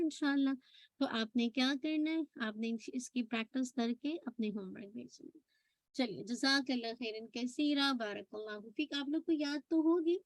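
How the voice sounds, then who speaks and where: A woman's voice: a little high, no room sound. A woman teaching Quran recitation, patiently demonstrating and repeating each sound. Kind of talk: recitation lesson.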